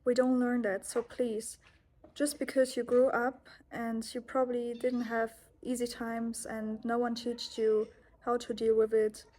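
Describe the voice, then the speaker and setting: A young woman with a German accent speaks in a heartfelt personal monologue, earnest and gentle, often restarting her phrases. Her voice sits somewhat high. A faint hum of room ambience lies underneath. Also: level tone, unhurried. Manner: earnest, heartfelt, self-correcting. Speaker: yoga teacher and vlogger.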